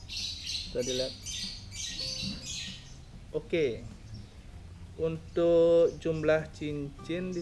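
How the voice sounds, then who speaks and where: A young man talks slowly and plainly through a fishing rod review, counting off parts as he shows them. He sits outdoors by a road with the camera close in front. Soft music plays faintly underneath. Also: mid-range voice. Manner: plain explaining, counts and points things out. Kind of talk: casual product review. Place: outdoors by a roadside with plants.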